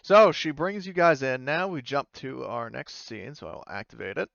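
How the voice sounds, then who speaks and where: A man with a medium-pitched, sing-song, creaky voice and a fairly bright tone runs an online tabletop game as game master over a voice call. His casual narration is halting and full of self-corrections. The recording is dry, with dull audio.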